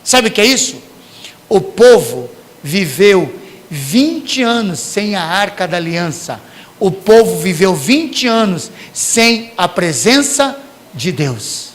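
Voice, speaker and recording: A Brazilian pastor preaching a sermon in church, swinging from hushed lines to shouted ones and acting out the people he quotes. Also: high voice, sing-song, slow. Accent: Brazilian Portuguese. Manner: acts out quoted parents and sinners.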